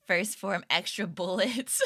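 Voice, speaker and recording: A woman's voice: medium pitch, slow, a bit bright. A young woman streamer chatting casually with her viewers, rambling and giggling with lots of fillers. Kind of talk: casual livestream chat with viewers.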